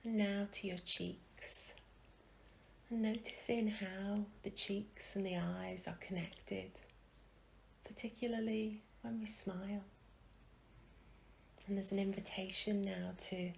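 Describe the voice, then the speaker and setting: This poor-quality recording, with a little hiss or hum, captures a woman guiding a meditation in a soft, soothing manner. Her mid-range voice is creaky and level in tone, and her phrases trail into whispers amid long pauses.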